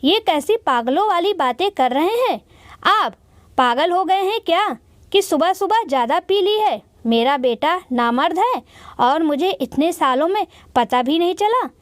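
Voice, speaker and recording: A woman's voice: high-pitched, animated, takes it slowly, no room sound, studio quality. A woman voicing an indignant middle-aged father of the groom who scolds and defends his son.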